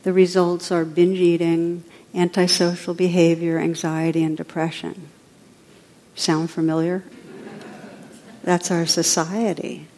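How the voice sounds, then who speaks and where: A woman leads a spiritual talk in a low voice that stays level and unhurried, rarely rising or falling. Her soft, reflective phrasing rings out with a long reverb, as if she is speaking in a large hall. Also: flat delivery, slight background noise. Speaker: meditation teacher. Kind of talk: spiritual talk with guided meditation.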